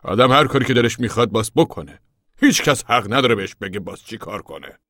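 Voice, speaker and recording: A man voicing a gruff middle-aged farmer father who talks bluntly and loudly. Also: lowish voice, lively intonation, no room sound, clean studio sound.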